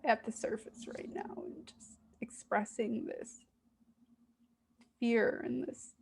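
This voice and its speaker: A woman giving a reflective, self-guided therapy demonstration, speaking in a gentle, soothing way with hesitant pauses. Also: on the high side, fairly even intonation, vocal fry, slight background noise. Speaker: IFS parts work demonstrator.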